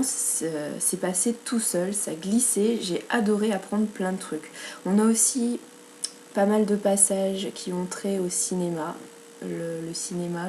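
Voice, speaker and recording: A woman's voice: mid-range voice, dark tone, slight background noise. A woman with a French accent reviewing books in a casual vlog, chatty, with many fillers and self-corrections. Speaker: book blogger.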